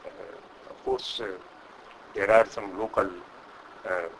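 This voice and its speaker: An older man from India with an Indian English accent, a Sanskrit scholar answering an interview question in a measured, hesitant way. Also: lowish voice, fairly even intonation, vocal fry, slight background noise, poor audio. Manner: measured, hesitant with frequent uh, lecturing.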